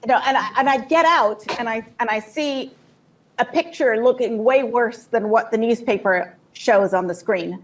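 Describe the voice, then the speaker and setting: A woman with a fairly high voice recounts a personal story in short, vivid bursts. She stops after each phrase so an interpreter can follow. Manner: vivid storytelling, pausing for translation. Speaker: guest speaker. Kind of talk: personal testimony with live interpreter.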